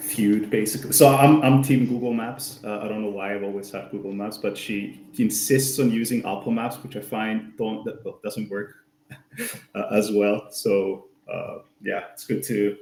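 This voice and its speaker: A man's voice: fairly low pitch, animated, normal speed, darkish tone, echoey room, a little hiss or hum, low-quality recording. A man hosting an online user group meetup, talking casually with many fillers and restarts. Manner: friendly, full of fillers and restarts.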